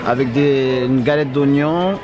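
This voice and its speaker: Unhurried and lo-fi, this thirty-something vlogger's mid-range voice comes through a handheld camera held at arm's length. He chats casually inside a big wooden restaurant hall, repeating himself and tagging his phrases over busy crowd noise.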